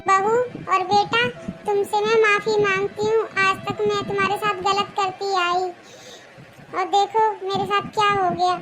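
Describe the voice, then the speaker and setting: Someone doing a shrill, scolding old grandmother. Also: level tone, measured pace, pushed and bright, heavily acted. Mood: remorseful. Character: stern old grandmother who favors grandsons. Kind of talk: cartoon voice acting.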